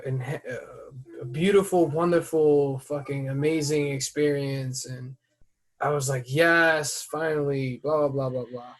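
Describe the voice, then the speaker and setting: A man hosting a podcast who tells a story in casual chat. He swears freely and breaks into loud, heated outbursts as he retells it. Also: mid-range voice. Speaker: podcast host.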